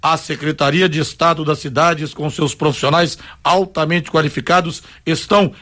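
Brief: high-pitched radio co-host, indignant and joking, casual talk. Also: male voice, steady tone, moderate pace, pushed and bright. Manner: indignant, joking, reads listener messages.

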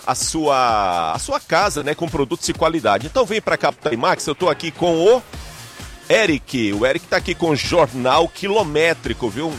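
A Brazilian man working as a roving radio reporter, chatting and urging listeners on in a live store promotion. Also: fairly high pitch. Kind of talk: live promotional broadcast from a shop.

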